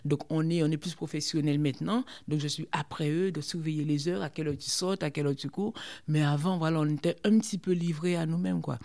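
A middle-aged woman from Guadeloupe, a former sprinter telling her story in an interview, chatty and lively with lots of fillers. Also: deep voice, a little fast, vocal fry. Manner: lively, chatty, full of fillers like hein and quoi.

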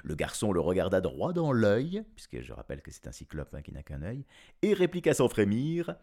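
Playful lively male storyteller. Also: on the low side, fairly quick. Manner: playful asides in slang, chuckling. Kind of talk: casual storytelling.

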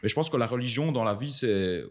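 A man's voice: mid-range voice, animated, quick pace. A man hosting a podcast, chatting casually and agreeably with his guest. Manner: agreeable, frequent backchannel, casual. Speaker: podcast host.

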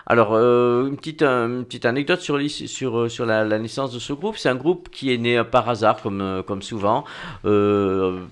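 A man's voice: mid-range voice, moderate pace, clear, resonant tone. A man presenting a music band on a radio show, talking casually with many fillers and restarts. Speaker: regular music show contributor.

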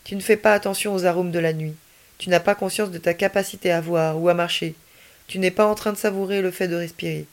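A woman voicing a cheerful, calm alien boy in a children's story, playful and unruffled. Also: lowish voice, fast talker, close to an everyday voice. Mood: carefree. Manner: playful, unruffled, laughing easily.

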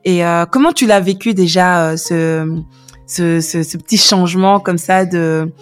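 A woman's voice: fairly low pitch, measured pace, soft background music. A woman hosting a faith podcast, talking in a chatty interview style with frequent fillers and restarts. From Belgium. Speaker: podcast host. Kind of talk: warm conversational podcast interview.

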